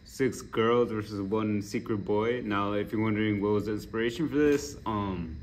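A man's voice: lowish voice, normal speed, slight background noise. A young man hosting a reaction video, talking casually with lots of swearing and jokes, getting worked up. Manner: profane, joking, riled up.

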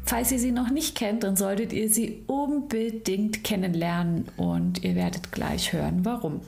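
A woman's voice: medium pitch, sing-song, unhurried, creaky, a little mellow. A woman hosting a business podcast, asking long, rambling questions with lots of restarts. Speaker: podcast host. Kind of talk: casual interview.

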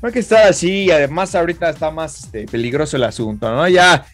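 A man with a Mexican accent speaks in a slightly high voice as a podcast co-host. He talks in a loose, laid-back way, full of fillers. Soft music plays behind him. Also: lively intonation, fast. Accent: Mexican Spanish. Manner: laid-back, many fillers and short agreements. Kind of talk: casual podcast chat.

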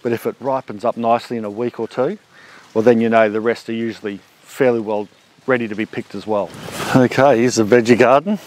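A man's voice: mid-range voice, fairly quick, slight background noise. Australian man chatting on a garden walk. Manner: relaxed, chatty explaining while walking. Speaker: homesteading vlogger. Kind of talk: casual garden walk-through. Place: outdoor backyard garden on a rainy day. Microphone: handheld action camera.

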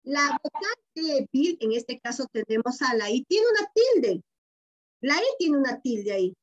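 Sitting high with big pitch swings and an unhurried pace, this Peruvian woman's voice carries a Peruvian Spanish accent. Patient and affectionate, she teaches a primary class online, asking questions to coax answers and repeating key words. The sound is dull, lo-fi video call audio.

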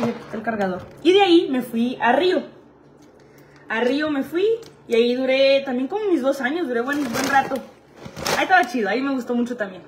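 A woman's voice: high voice, slight background noise. A young woman with a Mexican Spanish accent telling casual stories about her past jobs, chatty and full of slang and laughing asides. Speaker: vlogger. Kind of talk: casual storytelling.

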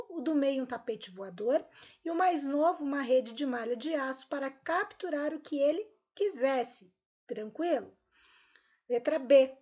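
A woman teacher with a Brazilian Portuguese accent, going over homework answers with her pupils in an upbeat recorded lesson. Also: sits high. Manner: upbeat, lively, talks straight to pupils.

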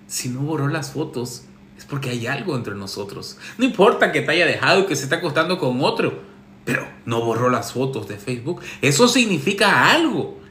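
A man's voice: on the high side, fairly bright tone, roomy sound, a little hiss or hum. A relationship coach, a man, reads viewer messages and answers them with sarcastic, teasing advice in a casual monologue.

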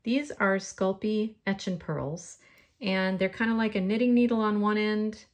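A woman with a faint New York accent giving a friendly step-by-step polymer clay crafting tutorial. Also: mid-range voice.

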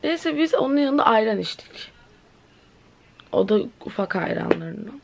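A woman's voice: on the high side, sing-song, normal speed, creaky. An eighteen-year-old woman vlogging at home, telling a story in a chatty, dramatic way with exclamations. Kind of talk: casual vlog chat to camera. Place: at home indoors.

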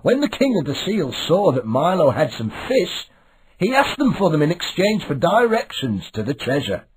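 A man's voice: fairly high pitch, wildly swooping pitch, moderate pace, breathy edge, rough recording. A man reading a children's story aloud in a sing-song, exaggerated storytelling manner. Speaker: narrator.

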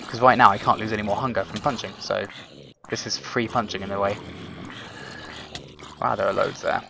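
Fairly low and fairly even in pitch, this young man's voice has vocal fry and moves a little fast as he narrates his gameplay. His let's play talk is loose and chatty, with lots of ums and self-talk aimed at himself and his viewers, heard against background noise.

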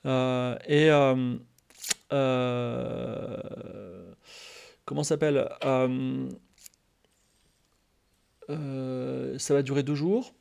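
A man talking casually to his live-stream chat, rambling with many fillers and restarts and turning animated when excited. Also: medium pitch, drawn-out words, gravelly, long pauses, clear, resonant tone.

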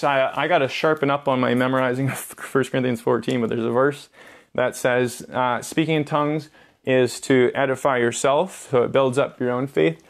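A man's voice: medium pitch, gravelly. A young man preaching informally, casual and earnest, with filler words and restarts. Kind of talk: informal sermon teaching.

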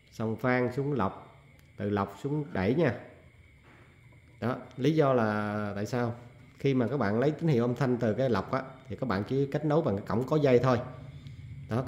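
A man's voice: mid-range voice, darkish tone. Chatty man explaining gear in an echoey room. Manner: chatty, many fillers and "nha" tags, explains step by step. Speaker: audio equipment technician. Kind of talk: casual hands-on tutorial.

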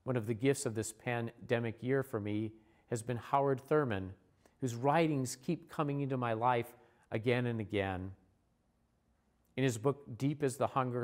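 A man, a church leader, giving a recorded sermon in a measured, earnest way, slowing down for repeated refrains. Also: mid-range voice, a little mellow.

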